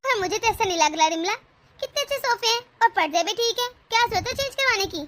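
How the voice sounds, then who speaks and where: A woman voicing a calm elder sister-in-law in an animated cartoon, speaking mildly and persuasively. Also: very high voice, fast. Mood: reasoning. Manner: mild, persuasive.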